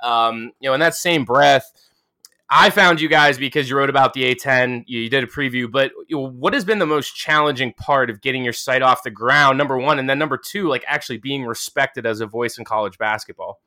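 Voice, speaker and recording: A man's voice: medium pitch, fairly quick, pushed and bright. A man hosting a casual podcast interview, chatty and joking, with many fillers and restarts. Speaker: podcast host.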